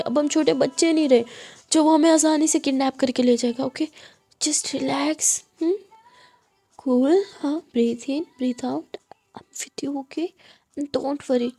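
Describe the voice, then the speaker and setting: A woman voicing a gentle soothing young woman. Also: sits high, fairly even intonation, brisk, pitched above the performer's own voice. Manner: soothing, coaxing, sometimes whispered. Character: gentle caring young woman, calming her partner.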